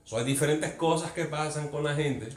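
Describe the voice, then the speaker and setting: In a church meeting room, a man leads a Bible study in an earnest, conversational teaching style, asking the group questions and slipping English words into his speech. His voice is a little high and his speed normal. The room is echoey, with faint ambience.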